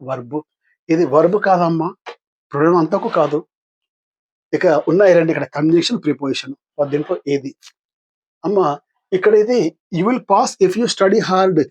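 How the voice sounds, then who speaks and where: Older husky Telugu-accented male teacher. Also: a little high, normal speed, long pauses, darkish tone. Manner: patient, asks and answers his own questions. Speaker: English grammar teacher. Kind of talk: exam-practice lesson.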